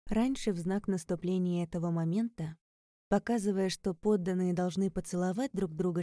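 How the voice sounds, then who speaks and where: A woman with a low, dark voice narrates an audiobook in the first person. The recording is dry, with clean studio sound.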